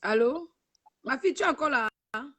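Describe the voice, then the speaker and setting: Pushed and bright, her high voice carries lively intonation at normal speed as she talks to her camera during a livestream. The host is emotional and preachy, repeats herself, and keeps saying "ma fille"; the camera records the sound itself.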